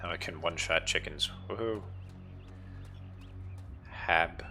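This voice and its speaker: Really deep voiced guy doing wry casual let's play commentary, game music behind him. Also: fairly even intonation, moderate pace, sharp tone.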